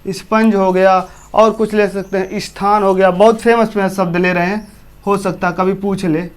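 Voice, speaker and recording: Male teacher, eastern Uttar Pradesh accent; high, clean voice; repeats himself and questions the class. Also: level tone, moderate pace, smooth. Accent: Hindi, from eastern Uttar Pradesh. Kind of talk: classroom lesson.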